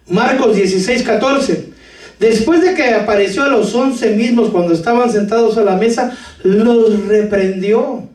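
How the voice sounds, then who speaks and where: A man preaching a lively sermon to his congregation with jokes, sudden shouts and talk of brothers. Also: high-pitched. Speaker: pastor. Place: church hall. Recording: echoey church hall from far off.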